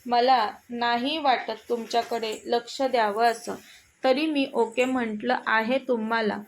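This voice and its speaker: A woman's voice: fairly high pitch, fairly even intonation, unhurried, a little hiss or hum. A woman reading as a defiant young wife. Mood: irritated. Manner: sharp, defiant. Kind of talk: storybook reading.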